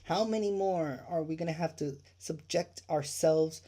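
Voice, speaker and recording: A man hosting a livestream about true crime, his voice dark and mellow. He rants with open indignation, swearing freely and firing off rhetorical questions. He circles back to repeat his points for emphasis. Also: on the high side, a little slow. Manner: indignant ranting with profanity.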